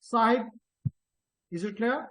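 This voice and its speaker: A male instructor leads a live class. He explains networking step by step and weaves English terms into his sentences. He repeats the key words and stops often to ask students whether it is clear. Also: very high-pitched, drawn-out words, a bit bright, rough recording. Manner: mixes English technical terms into Urdu.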